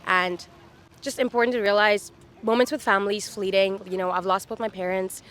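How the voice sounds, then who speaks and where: As a street interview guest outdoors on a city street, a woman in her thirties from Dubai chats in an upbeat, casual way with many fillers. She speaks briskly in a mid-range, a bit bright voice with fairly even intonation.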